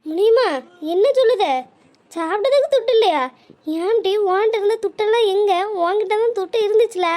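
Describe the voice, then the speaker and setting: A woman's voice: very high-pitched, fairly even intonation. A woman doing a bossy, caring village auntie. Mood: alarmed. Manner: brisk, consoling, calls out loudly. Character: caring, scolding middle-aged village woman Ruku.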